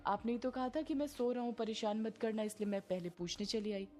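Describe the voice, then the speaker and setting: A woman's voice: a little high, fairly even intonation, fairly quick, warm tone, faint music behind, close to an everyday voice. A woman voicing a timid young village wife who speaks hesitantly and meekly to her husband. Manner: meek, hesitant, pleading.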